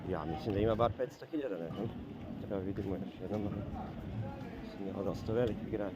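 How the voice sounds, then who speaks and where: A man's voice: fairly low pitch, fast talker, heavy background noise. A man chatting casually, recorded from a distance. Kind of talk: casual chat.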